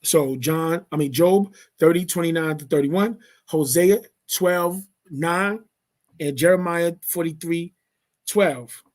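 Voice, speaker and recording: A reader leading a study session, reading passages aloud and then explaining them in casual speech. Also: mid-range voice. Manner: slow, deliberate delivery. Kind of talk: reading a text aloud with commentary.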